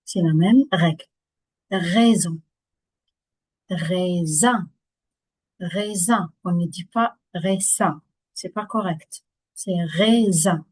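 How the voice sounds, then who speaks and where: Slow, husky woman teaching pronunciation. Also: lowish voice, a little mellow, rough recording. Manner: slow and deliberate, repeating each word twice.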